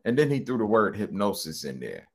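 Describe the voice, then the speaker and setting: A man's voice: lowish voice, very animated, brisk, slightly rough. A middle-aged man, a hypnotherapist being interviewed, talking casually and rambling with lots of ums and restarts. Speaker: hypnotherapist guest.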